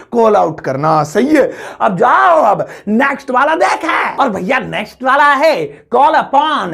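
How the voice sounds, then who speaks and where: Indian guy teaching english phrases, super gravelly voice, kinda high, jokes around a lot. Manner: jokey, chatty, explains phrases in Hindi with English examples. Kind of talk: casual spoken English lesson.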